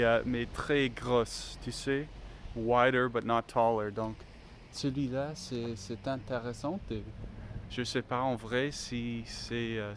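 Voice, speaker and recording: A man with a mid-range, fairly bright voice, a native English speaker, strolls outside vlogging on his phone in slow, halting learner French, with many fillers and restarts. Faint street noise and passing vehicles can be heard behind him.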